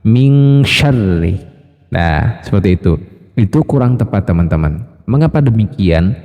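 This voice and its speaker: A man teaching Quran recitation rules, patiently explaining step by step and slowly drilling each sound, addressing listeners as friends. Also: on the low side, warm tone, long reverb tail. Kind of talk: tajwid lesson with spoken demonstrations.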